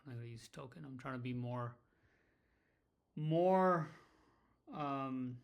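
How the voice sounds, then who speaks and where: A man's voice: mid-range voice, slow, creaky. A man talking candidly in a casual vlog about his small business, rambling, swearing and running himself down. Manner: rambling, candid, profane, self-deprecating. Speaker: small business owner vlogging.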